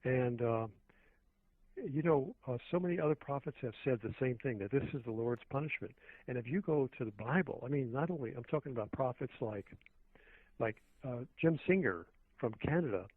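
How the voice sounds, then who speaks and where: A male guest rambles through a radio conversation, stacking fillers and self-corrections. His voice comes through a thin, phone-like line, and it sits at an ordinary middle pitch. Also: animated, moderate pace, no room sound. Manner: meandering, with many fillers and restarts.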